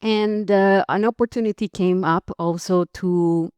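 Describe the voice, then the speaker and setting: In this interview, a woman from Costa Rica talks about her working life as a guest on a podcast, her medium-pitched voice smooth, resonant and somewhat dark. She speaks a little slowly with fairly even intonation, laughing softly and frequently, often using fillers and starting over. There's no echo; the audio is completely dry.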